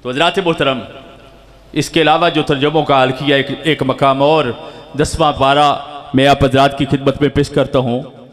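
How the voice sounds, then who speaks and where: A man from Pakistan preaching a sermon to a gathering, with slow, emphatic, drawn-out phrasing and rising exclamations. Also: mid-range voice, steady tone. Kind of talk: impassioned sermon. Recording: long hall reverb.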